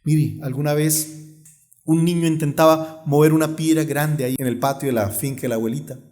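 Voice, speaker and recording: A man preaching a sermon as a pastor, dropping to soft, intimate lines and then rising to emphatic ones. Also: a little high, steady tone, brisk.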